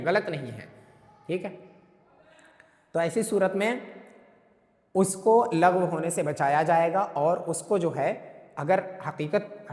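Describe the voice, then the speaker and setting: Male lecturer, higher voice, walks listeners through a text point by point, room reverb. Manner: explains step by step, often checking "right?"; reads Arabic text then translates and explains it. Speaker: teacher. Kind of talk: lecture explaining a classical text.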